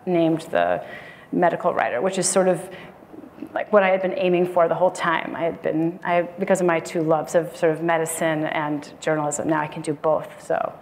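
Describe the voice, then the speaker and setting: Speaking at a moderate pace in a low, level, darkish voice, a woman in her thirties from the United States appears as a medical writer guest on a live podcast, full of laughs and fillers. A lapel mic captures her on a conference stage before an audience, with long hall reverb and a little hiss or hum.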